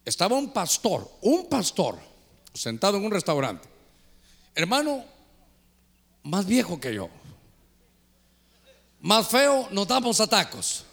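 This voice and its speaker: A man's voice: sits high, wildly swooping pitch, slow, gravelly, pauses often, a bit bright. An older man preaching a sermon as pastor, telling stories and calling the listeners brother.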